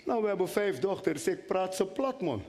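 A man preaching a sermon in an animated way, talking directly to his congregation in a church hall. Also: sits high, normal speed. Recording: long hall reverb.

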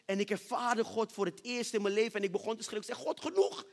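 A man preaching a sermon testimony on a church stage, moving from hushed storytelling to loud, shouted praise. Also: high-pitched, fairly even intonation, fast talker, vocal fry. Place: church stage with reverberant hall. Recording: long hall reverb.

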